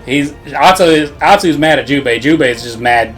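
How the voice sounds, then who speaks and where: A man's voice: a little high, normal speed, a bit bright, faint music behind. Brief: male podcast co-host, rambling and profane, laughs a lot. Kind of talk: casual game recap chat.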